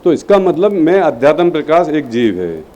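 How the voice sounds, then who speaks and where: A man with a high but mellow voice teaches a room of students, firing questions at them and nudging them to answer. He talks in a lively, prodding way and acts out how a sentence sounds. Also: moderate pace, lo-fi sound. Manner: lively, prodding, demonstrates phrasing aloud. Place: classroom at a training camp.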